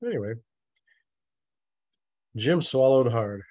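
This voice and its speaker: A man's voice: medium pitch, lively intonation, takes it slowly, warm tone, no room sound. A man reading a story aloud and mocking it with sarcastic, nitpicking asides. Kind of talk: sarcastic dramatic reading with commentary.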